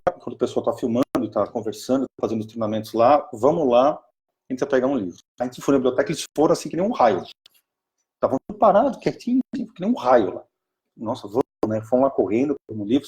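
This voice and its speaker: A Brazilian man with a Brazilian Portuguese accent tells a story in a loose, chatty live talk. His voice is mellow and sits at a middle pitch, and he keeps restarting his sentences with an enthusiastic flow. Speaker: strategic planning mentor for an NGO.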